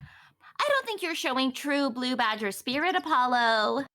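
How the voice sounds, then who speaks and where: Woman putting on a perky, high-voiced teenage girl. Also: big pitch swings, unhurried, sharp tone, a little hiss or hum, full character voice. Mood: cheeky. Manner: chirpy, eager, playful. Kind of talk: expressive video game dub reading. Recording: music under the voice.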